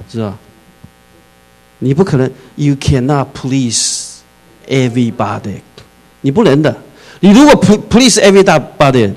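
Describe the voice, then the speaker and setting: A male pastor preaching a sermon, reading scripture slowly, then joking and acting out scenes, with English words mixed into his speech. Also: medium pitch, poor audio. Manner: animated, shifts from slow scripture reading to lively jokes and shouting.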